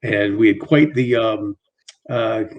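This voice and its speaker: Speaking as a guest on an informal video call, a middle-aged man has a lowish voice, and the recording lacks high frequencies. He stutters mildly and talks haltingly, often repeating words and restarting.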